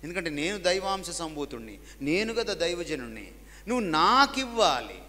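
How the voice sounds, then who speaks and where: A man preaching a sermon, swinging between loud emphatic peaks and low quiet drops, and mixing English lines into his preaching. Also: sing-song, normal speed. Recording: long hall reverb.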